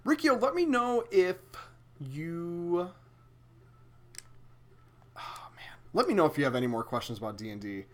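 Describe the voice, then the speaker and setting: A man's voice: a little high, very animated, brisk, a bit bright. A young man casually chatting with viewers while streaming a video game, swearing and exclaiming as he plays.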